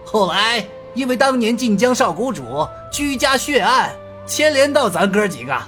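A man voicing a rough, jovial martial-arts brother who talks brashly and chuckles. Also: very high voice, very animated, normal speed, fairly bright tone, soft background music, voice pushed up, exaggerated voice. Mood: hearty.

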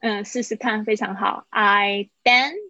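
A woman's voice: medium pitch, normal speed, slightly rough, no room sound. Woman teaching english on a live stream, says each word twice, sounds dry and kinda muffled. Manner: explains in Mandarin, models English words twice each. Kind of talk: live online English lesson. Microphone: online call.

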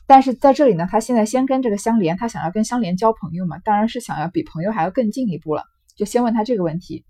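A woman with a mellow, relaxed voice reads from a classic novel and talks it through in a loose, explanatory way. She breaks in with fillers and asides. Her voice is recorded dry and close, with no room sound. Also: medium pitch, quick pace, no echo. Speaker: reader and commentator on a classic novel.

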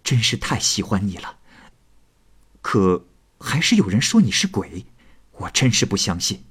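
A man playing a stubborn, lovesick young scholar who speaks low and tenderly. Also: a little slow, slightly rough. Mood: tender pleading.

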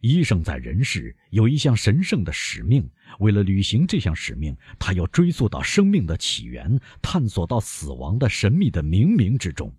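A relentless doctor, voiced by a man reading an audiobook, cold and measured as he presses his case. His deep voice is rough and husky, rising and falling sharply, and sounds dry and close. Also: huge pitch swings, darkish tone, no echo, full character voice. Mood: stern. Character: stern older male doctor, relentless accuser.

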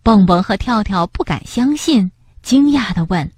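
A woman narrating a children's picture-book story in an expressive storytelling manner. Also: medium pitch, a little slow, husky, no room sound, studio quality.

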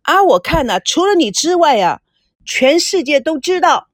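Audiobook: a lively, teasing woman on a film crew, bright and higher-pitched, read by a woman. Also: no room sound, clean studio sound. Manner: chatty and teasing, lots of drawn-out particles.

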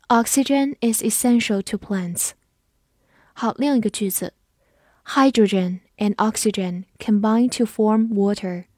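Slow, measured woman teaching vocabulary. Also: mid-range voice, a little mellow, dry recording, clean studio sound. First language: Chinese. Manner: spells words letter by letter and reads examples slowly. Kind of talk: scripted vocabulary lesson.

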